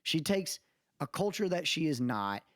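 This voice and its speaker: With a fairly high voice, big pitch swings and a moderate pace, a man hosts a podcast full of slangy, opinionated casual talk. He keeps checking the listener is with him, seeking agreement through tag questions. It's a clean studio recording without echo.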